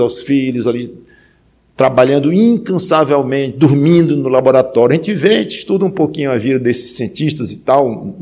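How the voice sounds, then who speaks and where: A man preaching a sermon, rising to loud emphatic peaks and dropping to low quiet stretches, often repeating words as he thinks. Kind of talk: sermon on Ecclesiastes.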